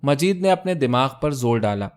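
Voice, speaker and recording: A male storyteller reading a short story aloud in a steady, measured way. His voice sits at an ordinary middle pitch and keeps an even pace through the narration. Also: clean tone.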